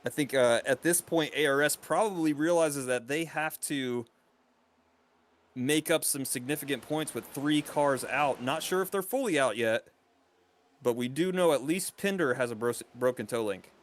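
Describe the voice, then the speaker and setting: A man calling play-by-play for a live sim race broadcast, energetic and quick. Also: medium pitch. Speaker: play-by-play commentator. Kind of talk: live sim racing commentary.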